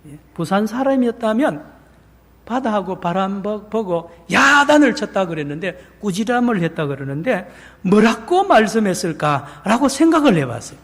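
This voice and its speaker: A male pastor preaching a sermon in a church, animated, acting out quotes and asking the congregation questions. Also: sits high. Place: large church sanctuary. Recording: long church reverb.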